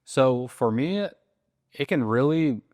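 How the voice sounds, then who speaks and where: A man's voice: mid-range voice, slow pace, no room sound, studio quality. A man casually explaining how to run sales calls, often acting out the lines he says on the phone. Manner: relaxed, acts out sales calls with quoted lines. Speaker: real estate wholesaling coach. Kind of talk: casual teaching conversation.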